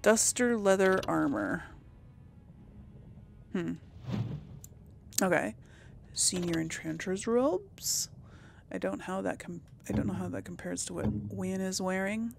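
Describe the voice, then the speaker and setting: Over game audio and faint music, a let's play host talks slowly about a role-playing game in a gravelly, mid-range voice. She thinks aloud casually, pauses often, and laughs frequently.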